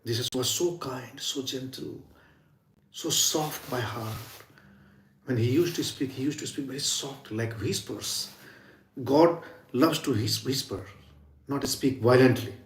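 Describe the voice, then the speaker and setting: A man's voice: medium pitch, unhurried, echoey room, a little hiss or hum. A man giving an earnest spiritual talk on sound healing, often dropping to near whispers for emphasis. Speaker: yoga and sound healing teacher. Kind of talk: informal spiritual teaching talk.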